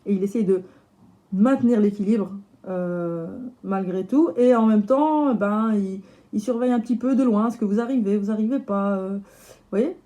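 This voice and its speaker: Chatty, slightly hoarse woman. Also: mid-range voice, moderate pace, warm tone. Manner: chatty, hesitant, many fillers and restarts. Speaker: tarot reader. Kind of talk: casual tarot reading to camera.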